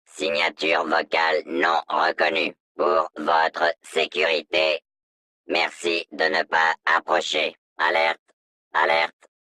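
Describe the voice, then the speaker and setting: An actor voicing a stern male security robot in a video game, through a robotic voice filter, in a flat, monotone, announcement-like delivery. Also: sits low, takes it slowly, no room sound, exaggerated voice. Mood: cold, commanding. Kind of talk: video game dub dialogue lines.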